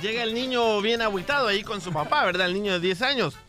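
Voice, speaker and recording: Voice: mid-range voice, fast talker, loud music behind the voice. A radio co-host telling a joke and egging the host on. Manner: eggs on the host, tells jokes.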